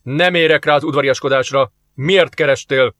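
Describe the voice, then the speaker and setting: A man's voice: a little high, a bit bright, dry recording. A man voicing a stern, hostile male alien warlord in an audiobook, talking in curt commands.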